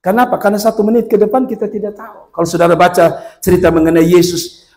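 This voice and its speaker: A male pastor, preaching a sermon that swings from quiet murmurs to loud shouted peaks and acts out the voices in his stories. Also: high voice, flat delivery, fast.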